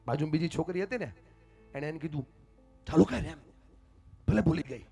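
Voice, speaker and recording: High-voiced dramatic motivational speaker. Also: male voice, lively intonation, fairly quick, creaky, soft background music. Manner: dramatic, swings from hushed to loud, addresses parents and pupils directly. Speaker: motivational speaker at a school event. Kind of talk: motivational speech with acted-out stories.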